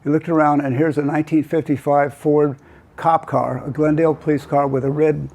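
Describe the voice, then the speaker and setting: Rambling older American grandpa telling stories. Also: male voice, fairly high pitch, level tone, a little fast, a little mellow. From Southern California. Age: older, 80s. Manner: rambling grandpa story, hesitant with detailed asides. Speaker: grandfather telling his life story. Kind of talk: casual personal storytelling.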